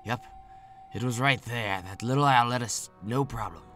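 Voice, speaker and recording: A man voicing a rowdy, brutish male pirate grunt in a game playthrough, speaking bluntly and roughly. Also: mid-range voice, normal speed, a bit bright, faint music behind, close to an everyday voice.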